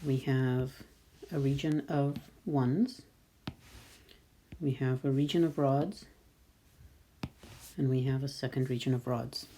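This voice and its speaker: A woman's voice: rumbling low, steady tone, mellow, slight background noise. A woman math teacher talking patiently through a screen-recorded lesson, thinking aloud as she draws. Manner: slow, patient, thinking aloud while drawing.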